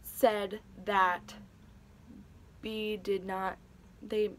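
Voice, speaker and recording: A woman's voice: medium pitch, flat delivery, very slow, slight background noise. A young woman telling a personal story in a vlog, hesitant and emotional, with many fillers and restarts. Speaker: vlogger.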